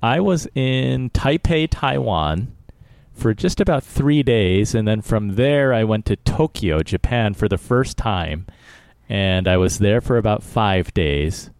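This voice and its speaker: A man's voice: fairly low pitch, lively intonation, slow pace, creaky, darkish tone, no room sound. A man co-hosting a podcast in casual chat, easygoing and wry. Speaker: podcast co-host.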